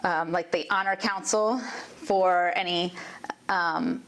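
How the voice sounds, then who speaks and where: A woman's voice: fairly low pitch, fairly even intonation, takes it slowly, fairly bright tone, a little hiss or hum. A woman judge from Maryland, talking casually about her childhood and school years, laughing easily. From Maryland, USA. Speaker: judge, interview guest. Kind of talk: casual interview conversation.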